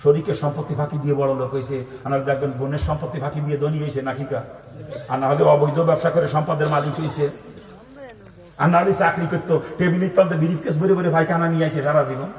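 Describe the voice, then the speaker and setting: A man preaching an open-air sermon, thundering and mocking, often shouting rhetorical questions at the crowd. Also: fairly high pitch, level tone, quick pace. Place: outdoor gathering. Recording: echoey distant PA sound.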